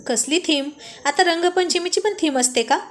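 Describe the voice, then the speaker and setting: A woman's voice: very high voice, normal speed, pitched above the performer's own voice. A woman reading as a cheeky mocking young man. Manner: mocking, jokey.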